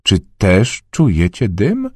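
Brief: tired old peasant man, read by a male narrator, low and husky, soft and hesitant. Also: wildly swooping pitch, slow, no echo, clean studio sound, exaggerated voice. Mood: worried. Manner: quiet, hesitant, half-whispered. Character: weary old male peasant, frail and anxious.

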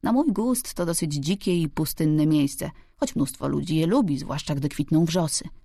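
A woman reading an audiobook, voicing a brisk, curt middle-aged housekeeper in a high, pushed voice. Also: creaky, warm tone, no echo, studio quality. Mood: matter-of-fact. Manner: curt, bossy.

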